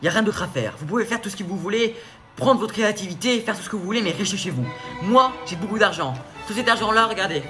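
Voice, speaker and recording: A man's voice: high-pitched, lively intonation, fast, music in the background. A man voicing a pompous rich former male vice-president who talks smugly, puffs himself up and keeps backpedalling, in a comedic sketch speech. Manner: smug, self-important, backpedalling.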